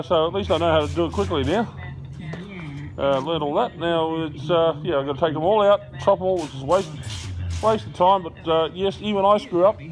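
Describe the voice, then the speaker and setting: Mumbling man, higher-pitched voice. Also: low-quality recording. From Australia. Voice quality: slightly slurred, mumbling articulation. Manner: self-deprecating, rambling. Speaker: builder vlogging his house-raising job. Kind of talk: casual vlog narration to camera. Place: outdoor building site, gravel ground.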